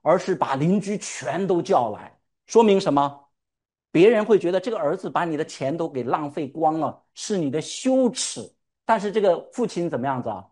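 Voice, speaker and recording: A male pastor preaches a sermon in a fairly high, darkish voice, moving briskly with lively intonation. He fires rhetorical questions at the congregation and keeps calling for "amen" responses.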